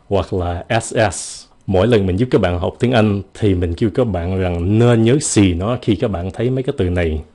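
A man's voice: lowish voice, warm tone. Chatty man teaching pronunciation. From United States. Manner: chatty, joking, stretches out example words. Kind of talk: casual video lesson.

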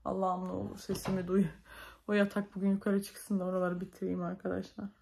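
A woman's voice: mid-range voice, monotone, fast, gravelly, dark tone. A young woman with a Turkish accent, telling viewers a story in a casual vlog, emotional and breathless as she recounts events. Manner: emotional, breathless retelling with repeated calls. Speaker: vlogger.

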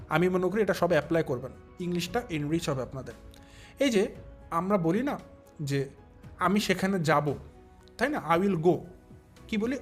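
A young man with a high voice hosts a casual commentary vlog and talks straight to his viewers. He mocks the people he discusses and drags out the words he wants to stress. Faint music plays under him. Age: young adult. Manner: drawn-out emphatic stresses, mocking. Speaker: commentary channel host.

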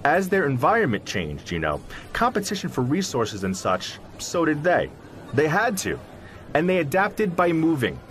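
Here the man's voice runs a little high, with huge swings in pitch, a moderate pace and a slightly bright tone, plus a little hiss or hum. He's voicing a confident zoologist and Sasquatch believer who lays out his field in an emphatic, professorial, explanatory way. The format is an audio drama interview, scripted yet conversational.

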